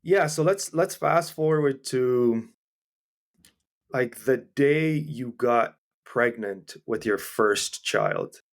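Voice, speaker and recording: Male podcast host asking gentle questions. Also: mid-range voice, takes it slowly, creaky. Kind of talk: interviewing.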